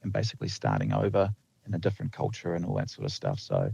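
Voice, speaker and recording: A Dutch-born lineman with a hint of a New Zealand accent chats casually on a podcast, rambling with many fillers and restarts. He has a low, warm, creaky, slightly rough voice and a quick, sing-song delivery. The recording is slightly lo-fi with no room sound.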